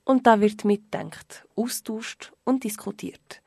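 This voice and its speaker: A woman narrating a radio report in a measured, clearly articulated way. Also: mid-range voice, darkish tone, no echo.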